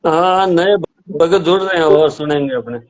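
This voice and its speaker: Chat guest, man, slightly high voice, respectful agreement, lo-fi. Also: normal speed. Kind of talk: casual chat. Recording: muffled lo-fi audio.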